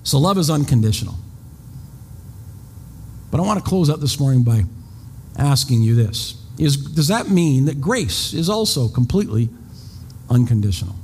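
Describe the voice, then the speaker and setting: A pastor in his fifties preaches in a conversational way, his mid-range, slightly mellow voice very animated at normal speed with frequent pauses. He often repeats words and makes self-deprecating asides. The recording has long reverb and faint background noise.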